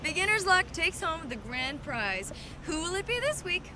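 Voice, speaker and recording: Very high, lively woman TV interviewer. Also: normal speed. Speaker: TV bingo show co-host and interviewer. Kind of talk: on-location TV interviewing. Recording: clear outdoor traffic noise.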